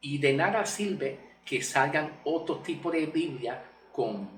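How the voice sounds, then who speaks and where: A man giving a Bible teaching, often checking in with short questions to his listeners and repeating key words slowly for emphasis. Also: on the high side, animated. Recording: roomy echo from a distant mic with faint noise.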